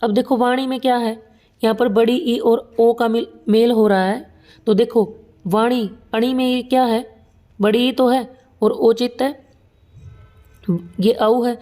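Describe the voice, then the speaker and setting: A young woman teaches Hindi grammar for exam preparation, walking through each example step by step and checking often that students follow. Her voice sits a little high but sounds soft and mellow rather than bright. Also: steady tone, a little slow, pauses often. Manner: patient, explains step by step with repeated checks. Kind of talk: exam-prep lesson at a whiteboard.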